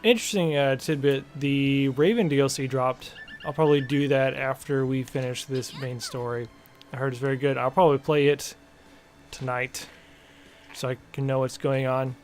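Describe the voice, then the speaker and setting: A man's voice: medium pitch, fairly even intonation, moderate pace, soft background music. Rambling man narrating his gameplay. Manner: rambling, with many fillers and self-corrections; reads game dialogue aloud. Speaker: gaming channel host. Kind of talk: casual let's-play commentary.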